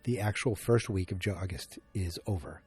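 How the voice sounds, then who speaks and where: A man from Massachusetts hosts a podcast by himself in a Boston accent, rambling with restarts, fillers, and constant self-interruption. His voice sits low and is a little mellow with a breathy edge, at a moderate pace; there's no room sound, just faint music behind him.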